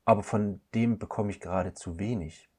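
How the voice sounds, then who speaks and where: A man's voice: on the low side, normal speed, warm tone, breathy edge. A man speaking as a couples counselor guest, in a thoughtful, searching way with frequent hesitations. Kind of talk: reflective podcast conversation.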